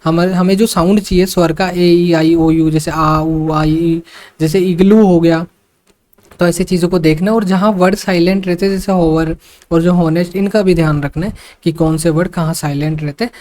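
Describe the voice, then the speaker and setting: A man's voice: a little high, steady tone, a little mellow. A man teaching an online exam-prep grammar lesson in a patient, repetitive way. He circles back to each point and keeps checking in with short fillers. English terms slip into his explanations. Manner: explains slowly, repeats points, frequent fillers like 'see' and 'okay'; mixes English terms into speech.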